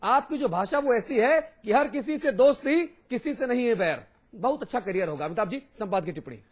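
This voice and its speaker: A man hosts a news debate on television with a very high-pitched voice. He jumps in with rhetorical questions and gently teases his guests. His delivery is quick and conversational. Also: lively intonation. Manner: interjecting, teasing, rhetorical. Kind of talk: TV debate hosting.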